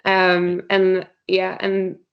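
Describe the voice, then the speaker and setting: A woman's voice: on the low side, very slow, gravelly. Norwegian woman, 30s, podcast guest rambling casually, kinda muffled lo-fi sound. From Norway. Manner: relaxed, chatty, many fillers and restarts. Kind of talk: casual chat. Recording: slightly dull lo-fi podcast audio.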